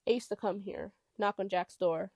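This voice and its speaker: A woman narrating an audiobook chapter in the first person, quiet and reflective. Her voice sits at an ordinary middle pitch for a woman. The recording is close and dry, with no room sound. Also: moderate pace, dry recording.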